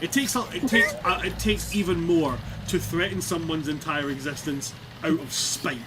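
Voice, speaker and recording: Noisy recording, Scottish man, fairly high voice, game master, casual tabletop narration. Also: moderate pace. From Scotland.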